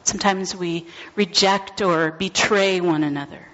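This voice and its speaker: Woman pastor, sermon, slow and gentle, muffled lo-fi sound. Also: fairly low pitch, steady tone. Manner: gentle, slow and deliberate, addressing congregation by name.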